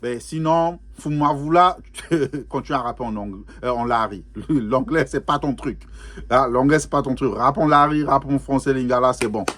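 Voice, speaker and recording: A man's voice: medium pitch, normal speed, fairly bright tone. A man giving casual, chatty commentary on rap, teasing and laughing as he repeats his points. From Congo.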